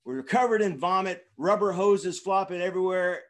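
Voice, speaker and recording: A man in his fifties tells a dramatic story as a keynote speaker. His voice sits a touch high for a man. He stumbles through fillers and restarts as he builds the tale. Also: moderate pace.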